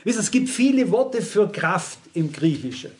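A man's voice: high voice, big pitch swings, moderate pace, a little mellow. A middle-aged man preaching a sermon, frank and emphatic, speaking straight to his listeners. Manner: frank, emphatic, addresses the audience directly.

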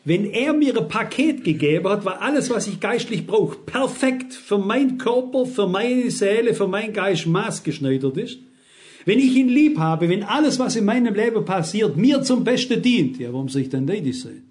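Older guy preaching, fairly high voice, keeps asking the crowd "you know?" type questions, really emphatic. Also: expressive, moderate pace, darkish tone. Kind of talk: sermon.

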